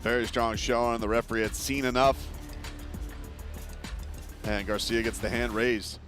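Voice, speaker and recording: A man's voice: medium pitch, steady tone, measured pace, fairly bright tone, faint music behind. A man calling a boxing broadcast as play-by-play commentator, summing up and handing over. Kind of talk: live sports broadcast commentary.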